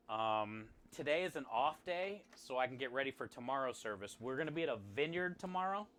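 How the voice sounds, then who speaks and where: A man's voice: mid-range voice, fairly bright tone, a little hiss or hum. A man chatting casually to livestream viewers as a chef and host, in a friendly, appreciative and conversational way. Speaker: food truck chef and streamer.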